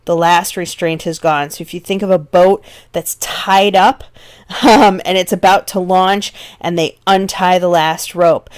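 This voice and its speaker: Female literature teacher, relaxed lecture delivery, mid-range voice, keeps asking "right?". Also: mid-range voice. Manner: conversational, checks in with "right?". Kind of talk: recorded lecture.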